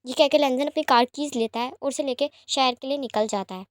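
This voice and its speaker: A woman with a high voice reads a romance fan fiction aloud in a plain, even manner, playing every part herself. The recording is close and dry, with no room sound. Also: brisk, no room sound. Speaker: storyteller.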